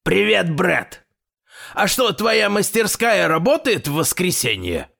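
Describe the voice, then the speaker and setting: A man's voice: sits high, takes it slowly, creaky, pitched above the performer's own voice, full character voice. Man voicing a flustered old grandpa, fretting, kids' story voice. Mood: fretful. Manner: plain, fretful, tries to stay calm. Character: flustered old grandfather searching for his hat.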